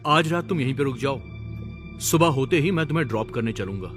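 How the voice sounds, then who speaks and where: A man's voice: mid-range voice, animated, quick pace, big-room sound, over music, lightly acted. An actor dubbing a carefree young man who brushes off worries and coaxes his partner. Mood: friendly. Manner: coaxing, dismissive. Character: carefree, coaxing young boyfriend. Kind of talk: Hindi film dub.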